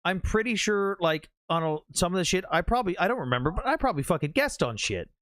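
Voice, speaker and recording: A man's voice: high voice, very animated, fast, fairly bright tone, no room sound. A young man hosting a live online debate, combative and mocking, swearing often as he presses his opponents. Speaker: livestream debate host.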